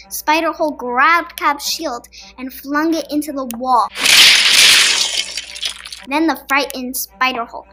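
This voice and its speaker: A woman narrates a scripted children's superhero-style story for a storybook podcast, her high-pitched voice pushed and bright. The recording is low quality, with background music behind her.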